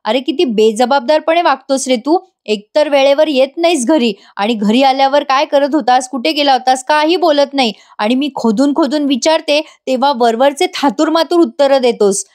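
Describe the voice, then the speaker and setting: Angry pregnant young wife, scolding, high, read by a woman narrator. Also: a little mellow, lightly acted. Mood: angry complaining. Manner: scolding, rapid complaints.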